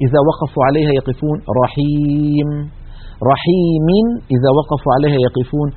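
A man teaching the rules of Quran recitation in a recorded lesson, explaining slowly and drawing out example words. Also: on the high side, fairly even intonation, slightly rough. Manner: slow explanatory delivery, stretches example words. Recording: tinny narrow-band recording.

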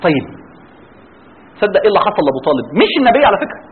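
A man's voice: sits high, big pitch swings, very fast. A man with an Egyptian Arabic accent giving a religious lecture, firing rhetorical questions at his audience. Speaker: preacher. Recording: tinny band-limited with faint noise.

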